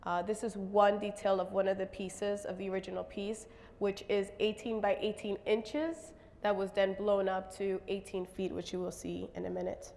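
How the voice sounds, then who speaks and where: A visual artist presents her work from a stage, her slightly raspy voice halting often with fillers. Her pitch stays fairly flat, and the long reverb of a large hall surrounds her words.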